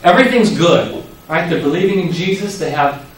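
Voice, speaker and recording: Guy preaching a sermon, kinda high voice, heard from far back in a really echoey hall. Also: brisk, a little hiss or hum. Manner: lively storytelling, acting out quoted lines with sudden loud rises.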